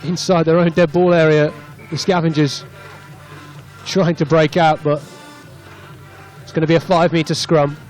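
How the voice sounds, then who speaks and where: A man's voice: fairly high pitch, normal speed, long pauses, faint music behind. A man commentating live on a rugby tens match from the stand of an open stadium, chatty between plays and lifting when play breaks open. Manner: chatty, rising excitedly on breaks.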